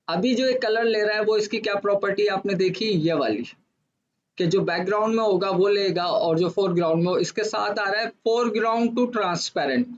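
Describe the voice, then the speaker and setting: A man teaching a software design class step by step, asking himself questions and then answering them. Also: high voice, dull audio. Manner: explains step by step with rhetorical questions; says he talks fast to fast-forward. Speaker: design instructor. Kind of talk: screen-recorded software lesson.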